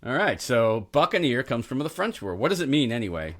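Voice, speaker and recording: A man's voice: mid-range voice, sing-song, fairly quick. A man hosting a podcast in casual chat, easygoing, asking his co-host questions. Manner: easygoing, asks questions, laid-back.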